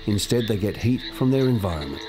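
Low male voice, nature documentary narrator, measured explanatory storytelling, prominent music behind. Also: lively intonation.

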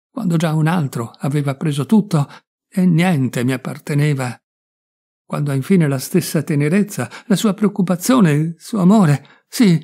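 A man gives a first-person literary reading with a warm, mellow tone. He takes his time, leaning into phrases with quiet emotion. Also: a little high. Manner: measured, emotive, lingering on phrases. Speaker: audiobook reader.

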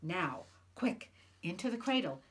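A clever, sweet-talking wife, as a woman reading a storybook puts her on. She coaxes in a slow, unhurried way, her pitch rising and falling freely. The manner is soothing with a sly edge. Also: big pitch swings, husky, exaggerated voice. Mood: coaxing. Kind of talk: storybook read-aloud.

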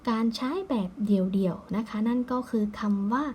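A woman teacher giving a patient, slow recorded lesson, ending her phrases with polite particles. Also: mid-range voice, a little mellow, a little hiss or hum.

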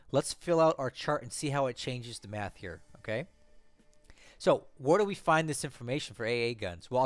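A man with a mid-range voice, slightly stuffy from a cold, hosts a casual screen-share tutorial on a strategy game, recorded with no echo. He thinks aloud and explains conversationally as he goes, repeatedly checking in with "right?" and "okay?".

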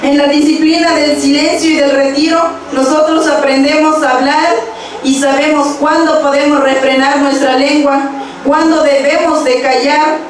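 A young woman preaching a sermon at a church pulpit with a handheld mic, reading scripture verses aloud in a steady, measured way. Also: sits high, music in the background. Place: church stage with pulpit and instruments. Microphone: handheld microphone. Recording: very echoey church hall, from far off.

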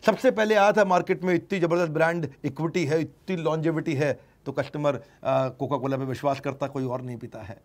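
Man, business lecture, emphatic, fairly high voice. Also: brisk, few pauses. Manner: lively, emphatic, acts out customer lines. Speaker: business teacher. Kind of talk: informal lecture.

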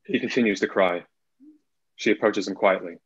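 This is a young man's fairly low, husky voice at normal speed, narrating the stage directions of a screenplay. He's on a video call in an indoor room, and his computer mic gives the sound a muffled quality.

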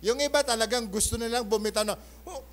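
High-voiced man preaching a lively sermon. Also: normal speed. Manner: animated, often asks the congregation for an amen; switches between loud bursts and soft asides. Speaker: pastor. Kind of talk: Taglish Sunday sermon. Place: church.

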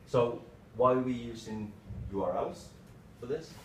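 A man in his thirties giving an informal tech lightning talk in short, halting phrases. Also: mid-range voice. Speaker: tech presenter, developer. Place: small meeting room, indoors. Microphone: far camera microphone. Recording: roomy, distant mic with clear background noise.

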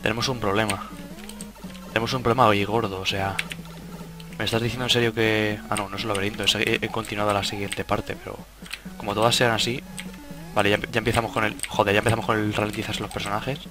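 A young man with a Spain Spanish accent talks through a platform game in a fairly low voice. He swears casually and keeps breaking off his own sentences. Game music plays loudly behind him. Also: flat delivery, fast. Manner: casual, swearing, self-interrupting. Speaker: gaming YouTuber. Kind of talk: let's play commentary.

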